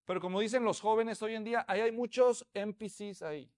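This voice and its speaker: A pastor preaching a sermon, telling the story with animation and acting out the voices of townspeople. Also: male voice, high-pitched, brisk, darkish tone.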